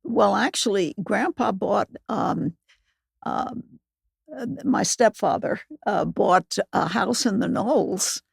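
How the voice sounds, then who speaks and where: A very old woman in her nineties with a gravelly, husky voice, talking haltingly and plainly as an interview guest. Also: mid-range voice, no room sound, clean studio sound. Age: 90s. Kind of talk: reminiscing in conversation.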